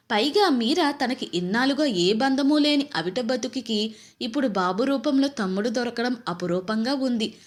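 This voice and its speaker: A woman storyteller from Amalapuram, Andhra Pradesh, reading out a moral story. Her voice sits a little high, and she narrates steadily with feeling, pausing as the story moves along.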